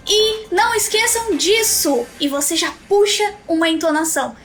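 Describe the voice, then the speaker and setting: A woman with a Brazilian Portuguese accent giving a live-streamed lesson on clear speaking, addressing viewers directly and acting out example voices. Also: high-pitched, a bit bright. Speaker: communication and public speaking teacher. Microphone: phone.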